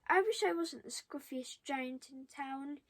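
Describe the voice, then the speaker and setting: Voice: sits high, a little slow, fairly bright tone. A young child playing a kindly, scruffy giant from a storybook with simple, declaimed lines. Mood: wistful.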